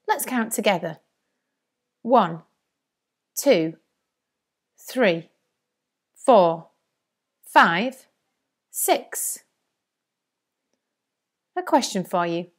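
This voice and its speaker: A woman presenting a scripted lesson for young children as a primary teacher, in a singsong manner. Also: mid-range voice. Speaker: primary school maths teacher.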